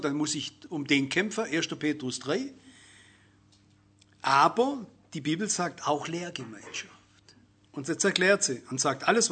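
High, bright, husky-voiced man preaching. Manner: earnest, addresses listeners directly with rhetorical questions. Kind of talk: sermon.

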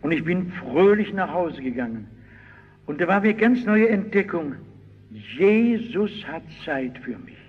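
A husky man preaching in a high, slow voice, his sermon sounding dull and old, with long reverb from a big hall. He is middle-aged and tells his stories with vivid life. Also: soft background music. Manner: animated storytelling, shouting out quoted cries.

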